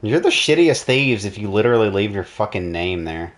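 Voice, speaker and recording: A man's voice: fairly low pitch, animated, a little fast. A man co-streaming a game, chatting crudely and sarcastically. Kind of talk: casual profane gaming chat.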